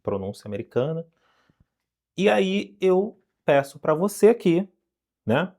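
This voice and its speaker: A man from Brazil teaching an online English lesson, animated and coaxing, full of rhetorical questions. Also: a little high, a little slow, creaky.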